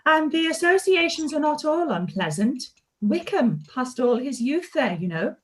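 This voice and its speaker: In a live-read radio play, an actress voices a warm, gushing middle-aged aunt who is fond of home. Her voice is high and very lively in pitch, and she speaks expressively at normal speed.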